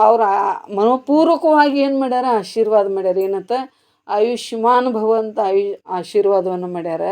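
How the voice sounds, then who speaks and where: A woman preaches at a devotional gathering, telling a story and answering her own questions. Her delivery swings between hushed passages and loud, emphatic ones. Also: medium pitch. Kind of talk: devotional sermon. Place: ashram gathering.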